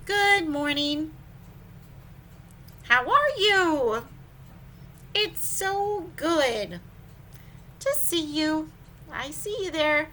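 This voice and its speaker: Extremely slowly and with long pauses, a high-voiced teacher leads a lively story time for young children, lilting, exclaiming and often questioning them. A little hiss or hum can be heard.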